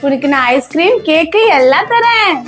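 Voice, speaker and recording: A woman playing a mother in a family comedy skit, scolding and sharp-tongued. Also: very high voice, lively intonation, moderate pace, loud music behind the voice.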